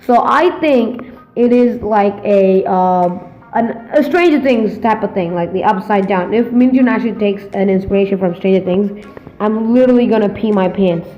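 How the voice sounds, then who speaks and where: A woman talking casually through a game theory, rambling and excitable with lots of fillers. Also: mid-range voice, moderate pace, lo-fi sound. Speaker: gaming theory YouTuber. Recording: roomy echo, faint music behind.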